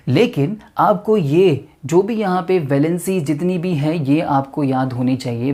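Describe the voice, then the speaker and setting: Mellow-voiced male teacher quizzing aloud. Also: a little high. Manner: quizzes himself with rhetorical questions, then answers them. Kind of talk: chemistry lesson.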